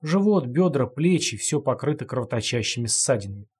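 A man narrates a dark story in a measured audiobook reading. His voice sits at a middle pitch and has a husky, breathy grain. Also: animated.

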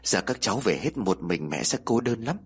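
A worried young father with an earnest, plain way of talking, as a narrator voices him. His voice is husky and shifts widely in pitch. He sounds like a character in a spoken ghost story. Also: animated, normal speed.

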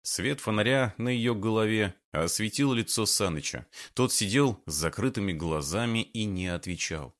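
A man narrating an audiobook in a steady storytelling manner. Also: fairly low pitch, moderate pace, few pauses. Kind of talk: scripted narration.

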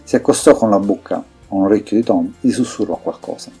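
A man reading scripted fantasy narration in an even, measured way. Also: fairly low pitch, breathy edge. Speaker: audiobook narrator. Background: faint music.

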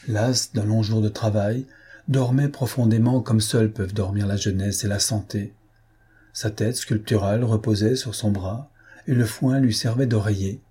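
A man narrating a classic novel in a measured, steady storytelling manner. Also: on the low side, breathy edge. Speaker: audiobook narrator. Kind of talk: scripted narration.

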